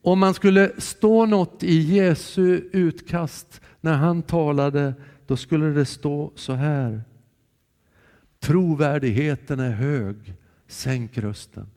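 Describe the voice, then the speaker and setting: A man giving a sermon in a church, earnest and calm, sometimes dropping soft and sometimes raising his voice. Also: fairly high pitch, clean tone. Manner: calm, earnest, shifting between soft and raised voice. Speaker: preacher. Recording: long hall reverb from a church.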